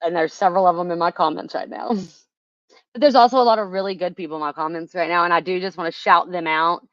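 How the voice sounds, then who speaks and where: Talking fast with fairly even intonation, a woman vlogger vents to her viewers, rambling, cursing a lot and leaning on fillers like "like." Her voice sits on the low side; the audio has no echo and the highs are cut off.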